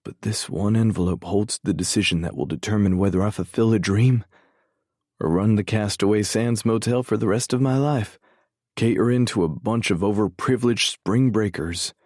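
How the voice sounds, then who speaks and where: Man, very low voice, brooding measured audiobook narration, dry close mic. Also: a little mellow, no room sound. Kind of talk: first-person romance narration.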